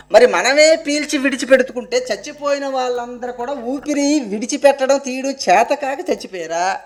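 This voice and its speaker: Male spiritual speaker, very high pitch, devotional discourse, chants verses. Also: echoey room, a little hiss or hum, poor audio. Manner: rhetorical questions, chanted verses. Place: stage before a live audience. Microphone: handheld mic.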